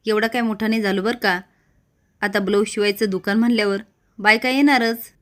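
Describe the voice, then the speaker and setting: Woman reading as a mild young village tailor, polite and evasive, calm. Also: mid-range voice, a little fast, natural voice.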